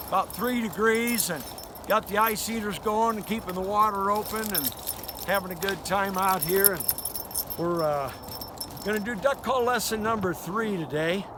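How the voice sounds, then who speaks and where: An older man with a folksy, conversational manner, giving a casual hunting lesson as a duck calling instructor. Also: sits high. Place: outdoors by a river. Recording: noisy outdoor recording with ambience. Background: outdoor noise, duck call quacks.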